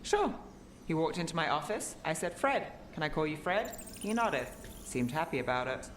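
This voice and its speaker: An actress playing a streetwise detective in a video game, speaking in a wry, laconic way. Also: female voice, low-pitched, sing-song, normal speed, slight background noise. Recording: roomy game audio.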